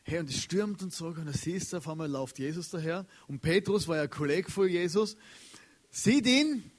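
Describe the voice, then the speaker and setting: A man preaching a casual, slangy sermon. He is chatty and animated, and keeps checking in with his listeners. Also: a little high, moderate pace.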